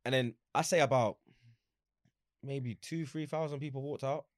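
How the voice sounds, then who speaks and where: A man with a London roadman accent and heavy street slang, chatting casually and acting out exchanges as he tells animated stories. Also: medium pitch, normal speed, no echo, clean studio sound. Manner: animated storytelling, acts out quoted exchanges. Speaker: interview guest, football fan. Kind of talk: casual anecdotal chat.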